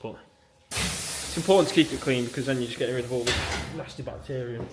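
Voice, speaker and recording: Man chatting over loud parlour machinery. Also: medium pitch, fast, heavy background noise. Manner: relaxed, rambling, many fillers, explaining as he works. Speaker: dairy farmer vlogger. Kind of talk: casual walk-through vlog while working. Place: indoor milking parlour. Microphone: handheld camera mic. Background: running milking machinery.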